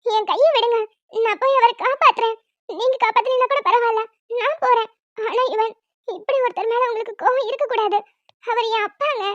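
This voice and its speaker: A woman's voice: very high voice, fairly quick, no echo. A woman voicing a young wife in a cartoon serial, pleading and tearful for her father. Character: young wife, loving and desperate daughter. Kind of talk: Tamil cartoon serial voice acting. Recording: dull lo-fi sound.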